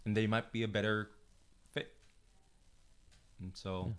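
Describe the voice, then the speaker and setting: A man guesting on a podcast, his voice sitting low. He speaks in a reflective, searching way, stumbling over a word now and then as he thinks. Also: level tone, unhurried, smooth. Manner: reflective, thoughtful, stammers a little. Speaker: filmmaker guest. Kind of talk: casual interview conversation.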